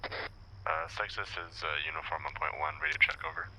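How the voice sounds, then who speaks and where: A man's voice: rumbling low, steady tone, normal speed. A man on point calling in a terse radio check, heard over a crackly radio transmission with static bursts. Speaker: squad member on point. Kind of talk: military radio procedure in a game.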